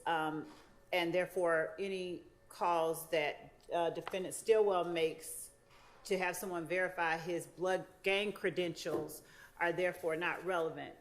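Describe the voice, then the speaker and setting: A woman with a lowish voice plays a prosecutor. She argues to the court in a formal, deliberate way that is somewhat halting.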